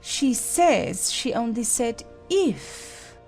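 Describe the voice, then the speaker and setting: A woman's voice: on the high side, big pitch swings, very slow, a little mellow, soft background music, exaggerated voice. A woman playing a stern, bossy, haughty queen who lectures sharply in a storybook drama. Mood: lecturing.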